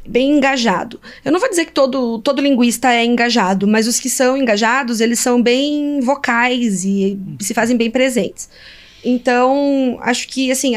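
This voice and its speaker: A woman with a Brazilian Portuguese accent, a linguist answering interview questions in an animated way, posing rhetorical questions with many fillers. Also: high-pitched. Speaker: linguist guest.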